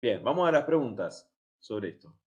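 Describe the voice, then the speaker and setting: A man's voice: mid-range voice, sing-song, normal speed, darkish tone, muffled recording. A man giving a university lecture, explaining step by step and often checking that his students follow. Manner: explanatory, checks understanding with frequent "¿sí?".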